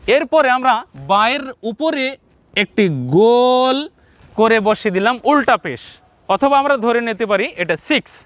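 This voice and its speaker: Bangladeshi guy teaching quran reading, high voice, dry close sound, repeats stuff slow. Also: expressive, fairly bright tone, dry recording. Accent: Bangladeshi Bengali. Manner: repeats each point slowly, addresses viewers directly. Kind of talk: step-by-step reading lesson.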